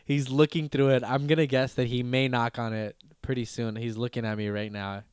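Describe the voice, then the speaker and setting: A man's voice: mid-range voice, little pitch movement, brisk, darkish tone, clear, resonant tone, dry recording, clean studio sound. A man in his thirties hosting a podcast, talking casually in a rambling way with lots of fillers, restarts and swearing. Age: 30s. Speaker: podcast host.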